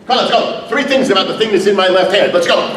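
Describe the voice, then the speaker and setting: A man's voice: high-pitched, fast talker, fairly bright tone. Man acting a chirpy teacher in an echoey hall. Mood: eager, chirpy. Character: bright chirpy school teacher eagerly addressing a class. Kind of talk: acted classroom demonstration. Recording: echoey hall, far microphone, noisy.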